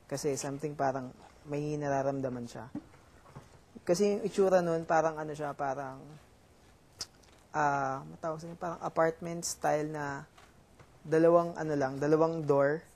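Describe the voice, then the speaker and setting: Halting young Filipino man telling a story. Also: on the high side, steady tone, a little mellow. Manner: halting, many fillers and restarts. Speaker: reality show housemate. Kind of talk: casual storytelling.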